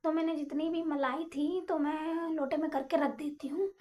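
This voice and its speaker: Fast-talking high-voiced woman vlogger. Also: steady tone, dark tone. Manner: rapid, chatty, apologizes for talking fast. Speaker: home vlogger. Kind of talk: casual cooking voice-over.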